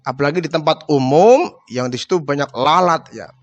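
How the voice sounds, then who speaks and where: High-voiced animated male preacher. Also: normal speed, dull audio. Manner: animated storyteller who acts out dialogue. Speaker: Islamic preacher. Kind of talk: storytelling religious lecture.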